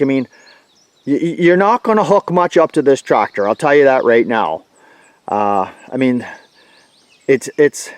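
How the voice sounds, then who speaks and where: A man's voice: medium pitch, no room sound. A man giving a blunt, folksy, plainspoken walkaround review of his tractor outdoors. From Canada.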